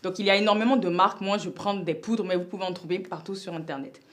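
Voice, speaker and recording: A woman giving a casual hair-care tutorial as a vlogger. She explains with emphatic, lively stress on key advice and chats freely with frequent fillers and restarts. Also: fairly low pitch, fast talker. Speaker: beauty vlogger.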